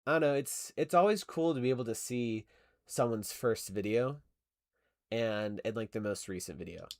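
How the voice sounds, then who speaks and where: Casual and rambling, a young man talks through his livestream while animating stop-motion, reading chat and laughing often between fillers and self-corrections. His voice is medium-pitched at a normal speed, with studio-quality audio and no room sound.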